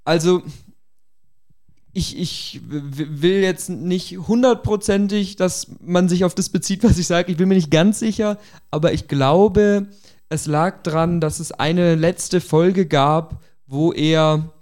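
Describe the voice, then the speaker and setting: Higher-voiced man in casual podcast talk. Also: slow, a little mellow.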